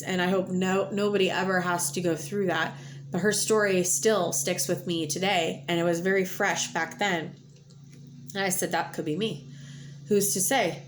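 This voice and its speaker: A woman's voice: medium pitch, slight background noise. A woman telling a blunt, candid personal story about recovering from addiction, at times emotional. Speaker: host.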